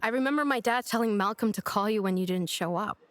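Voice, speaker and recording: A woman's voice: mid-range voice, fast talker, natural voice. Woman doing a sarcastic young woman, dry and direct, teases a lot, audio drama. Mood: earnest. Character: blunt, sarcastic young woman, grieving sister. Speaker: [name].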